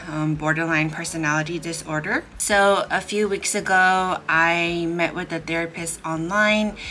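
A woman talking casually in a home vlog, soft and unhurried as she reflects and reads aloud. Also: on the low side, a little hiss or hum. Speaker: vlogger. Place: home in Korea.

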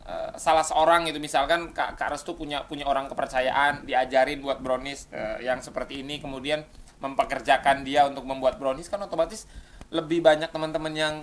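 A man's voice: mid-range voice, steady tone, brisk, a bit bright, slight background noise. A man hosting a casual interview chat, teasing and chatty, with many hesitant fillers. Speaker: host.

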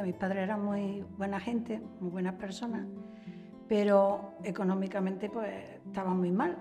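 A woman in her seventies speaks fondly of her childhood. Soft guitar music plays faintly beneath her voice. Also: medium pitch. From Andalusia, Spain. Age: 70s. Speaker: interviewee, homemaker. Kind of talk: reminiscing interview. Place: living room at home.

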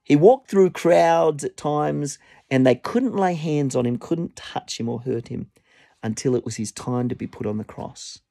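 A man preaching a sermon, telling a personal story with an animated delivery and a voice that jumps up when he quotes people. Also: a little slow, gravelly, no echo, clean studio sound. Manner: animated storytelling, voice rising high when quoting.

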